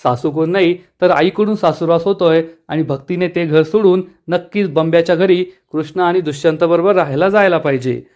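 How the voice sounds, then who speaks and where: A man's voice: on the high side, a little fast, few pauses, a little mellow, dull audio. A man narrating an episode recap of a TV serial in a storytelling manner, talking to his viewers.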